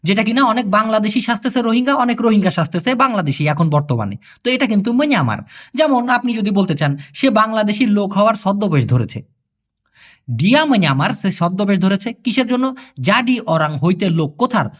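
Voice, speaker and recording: A man from Bangladesh gives a casual language lesson in a fairly high voice. His pitch swings widely as he explains, and he repeats phrases slowly and quizzes his listeners as he goes. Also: sing-song. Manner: explains patiently, repeats phrases slowly, asks the viewer questions. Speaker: language tutor.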